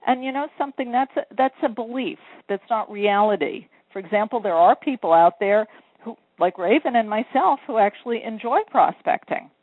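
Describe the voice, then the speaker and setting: Speaking over a tinny phone line, a female sales coach and author walks through her advice step by step in an earnest, encouraging way. She has a fairly high, expressive voice and talks at a normal speed.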